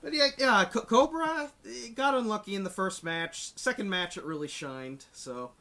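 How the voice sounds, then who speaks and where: Man, podcast host, bright voice, high and animated, rambling casual talk. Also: moderate pace. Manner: rambling, self-interrupting, laughs often.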